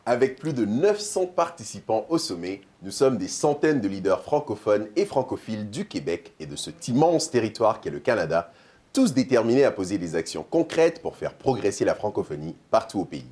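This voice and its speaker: Man, deep low voice, slam poet and host, rhythmic, wide-ranging melody. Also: big pitch swings, normal speed, darkish tone. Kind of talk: event hosting and slam recital.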